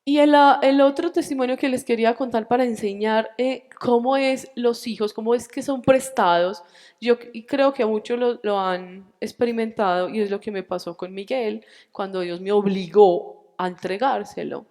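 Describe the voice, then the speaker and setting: A woman in her forties with a Colombian accent, telling a personal faith testimony at a church retreat, animated and acting out the dialogue. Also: on the high side, moderate pace, big-room sound. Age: 40s.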